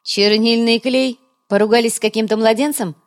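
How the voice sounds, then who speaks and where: A woman's voice: fairly high pitch, steady tone, moderate pace, pitched above the performer's own voice, lightly acted. A woman voicing a sly, greedy male trader who talks in an ingratiating, chatty way for an audiobook.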